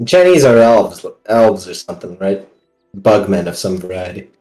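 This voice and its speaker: A man's voice: low-pitched, moderate pace, dark tone, faint music behind. A man playing in a tabletop game, cracking jokes in casual banter. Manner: wisecracking, joking. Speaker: player. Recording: roomy echoey mic.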